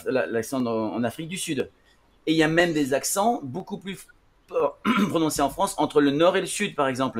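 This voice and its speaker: Brief: man in a casual studio chat, explains English pronunciation, hesitant with frequent restarts, mid-range voice. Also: medium pitch. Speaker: English language guest explaining accents. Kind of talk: casual radio-style explanation.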